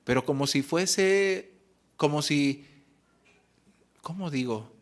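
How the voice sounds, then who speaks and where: A man preaching in church. He gives earnest testimony and often pauses to restart a phrase. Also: mid-range voice. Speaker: pastor. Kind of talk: sermon.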